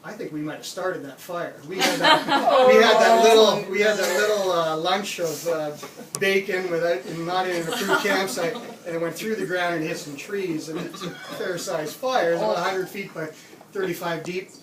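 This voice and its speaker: A middle-aged man from Canada casually telling a funny camping story, animated and laughing often. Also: high voice, moderate pace, crowd noise. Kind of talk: casual spoken anecdote. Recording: roomy, distant mic with background ambience.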